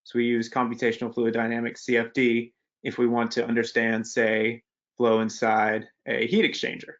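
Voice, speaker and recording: A man's voice: mid-range voice, completely flat delivery, moderate pace, muffled recording. A young man presenting a technical webinar in a casual, conversational way, with many fillers and restarts. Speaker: webinar presenter, postdoctoral researcher.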